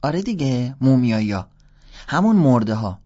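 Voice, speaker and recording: A man voicing a brash, cheeky young schoolboy who talks loud and blunt. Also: medium pitch, sing-song, highs cut off, voice pushed up. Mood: pushy.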